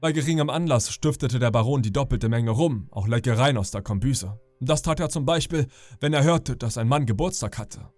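A man calmly narrating an audiobook meant for falling asleep. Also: mid-range voice, normal speed, hardly any pauses, no echo, faint music behind. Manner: calm, even storytelling. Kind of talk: calm audiobook reading for sleep.

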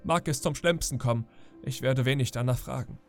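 A young ship's boy speaks up boldly to his captors, as a male reader voices him. The voice stays gravelly and close to the reader's own. It sounds spirited and stubborn. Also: medium pitch, brisk, soft background music, close to an everyday voice. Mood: defiant. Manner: trembling then bold and heated. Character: frightened but defiant young ship's boy.

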